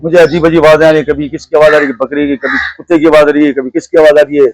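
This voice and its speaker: A middle-aged man from Pakistan telling a personal ghost story as an interview guest, halting and repetitive, often restarting his phrases. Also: fairly high pitch, little pitch movement, a little mellow, poor audio.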